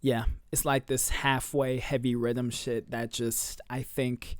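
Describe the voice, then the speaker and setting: A man's voice: mid-range voice, level tone, slow, over loud music. A young man giving casual, slangy commentary as he ranks tracks, with lots of fillers and trailing sentences. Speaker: music reviewer.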